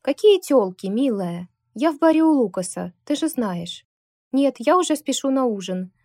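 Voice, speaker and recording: A woman voicing a big, bald, brash male friend who talks loud and crude, in an audiobook. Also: on the high side, moderate pace, dry recording, clean studio sound, lightly acted.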